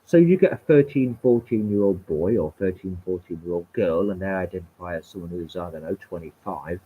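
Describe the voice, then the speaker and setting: A man's voice: low voice, a little fast, breathy edge, narrow, tinny audio. A man hosting a live stream and ranting in a heated, emphatic, sweary monologue.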